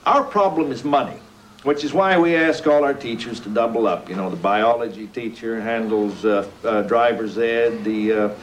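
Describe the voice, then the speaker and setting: A genial small-town school principal, played by a middle-aged man, chatty and quick to poke fun at his own school. His voice sits at an average pitch. Faint background noise stays low under him. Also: steady tone, natural voice, rough recording. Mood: amiable. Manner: chatty, self-deprecating, laughs easily.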